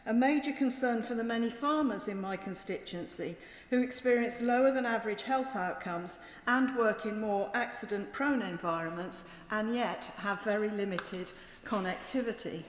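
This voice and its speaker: A British woman speaking as a member of parliament, delivering a formal, emphatic and critical debate speech in measured oratory. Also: medium pitch. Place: large indoor debating chamber. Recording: echoey chamber with long reverb.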